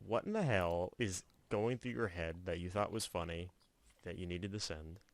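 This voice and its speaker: A man co-hosting a casual podcast chat, teasing his friend with deadpan wisecracks. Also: deep voice, moderate pace. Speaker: podcast co-host.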